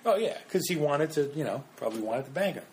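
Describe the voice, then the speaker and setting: A man's voice: a little high, expressive, fast talker, a little mellow, a little hiss or hum. Rambling young man co-hosting a casual chat. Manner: rambling, hesitant, with frequent fillers. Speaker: podcast co-host.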